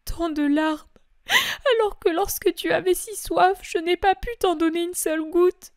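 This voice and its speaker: Desperate weeping mother of jesus, woman doing her, pleading, voice cracking, very high. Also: unhurried, fairly bright tone, dry recording, studio quality. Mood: tender. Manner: sobbing, imploring, breaking voice. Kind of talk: dramatic religious reading.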